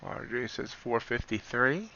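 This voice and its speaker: A man's voice: medium pitch, lively intonation, unhurried, gravelly, sharp tone, highs cut off, a little hiss or hum. A man commenting on his live futures trades, wry and self-deprecating, reading out prices as they move. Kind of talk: live trading commentary, thinking aloud.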